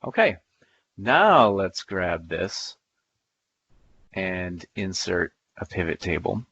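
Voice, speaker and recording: A man walks through a software demonstration in a playful, folksy way, thinking aloud as he goes. His voice sits a little low. The recording is dull and lo-fi, like conference audio. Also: big pitch swings, takes it slowly, vocal fry, slight background noise. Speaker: presenter. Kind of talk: live software demo talk.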